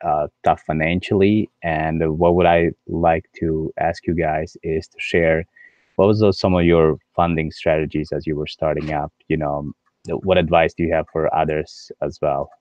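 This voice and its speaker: A man moderates a panel over a video call, his low voice brief and polite as he calls on each panelist by name. The audio is dull and lo-fi, and the sound is dry. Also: little pitch movement, moderate pace, a little mellow, no room sound.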